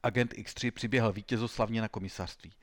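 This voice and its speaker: A man narrating a comic story in a wry, measured way. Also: on the low side, steady tone.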